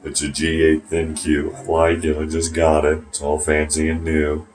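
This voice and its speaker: Very deep-voiced man rambling sarcastically. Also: monotone, normal speed, a little mellow, slight background noise. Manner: rambling, sarcastic, swears often. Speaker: vlogger. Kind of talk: rambling casual monologue to camera. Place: small warm bathroom at home. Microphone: phone camera.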